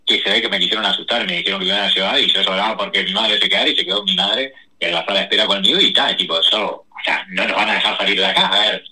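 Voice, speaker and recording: An adult man tells personal stories as a guest. His voice sits low but rings hard and bright. He talks in quick bursts full of slang and restarts. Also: slight background noise, poor audio. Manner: animated, rushes through stories with slang and restarts. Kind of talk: casual personal storytelling.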